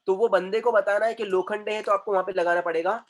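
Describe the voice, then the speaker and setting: A man's voice: sits high, fairly even intonation, fast talker. A man teaching English pronunciation in a classroom-style lesson, emphatic and repeating words to drill them, switching between Hindi and English.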